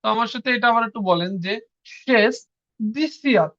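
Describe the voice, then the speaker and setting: A patient language teacher, speaking over a video call. The teacher repeats each word slowly and prompts the class to echo it. The sound is muffled and dull, close and dry with no room echo. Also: mid-range voice, fairly bright tone. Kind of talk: online class lesson.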